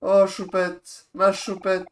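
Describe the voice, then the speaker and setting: A man's voice: high voice, monotone, slow pace, fairly bright tone, a little hiss or hum, voice pushed up, heavily acted. A man voicing a melodramatic, lovesick young space captain who pleads with his beloved.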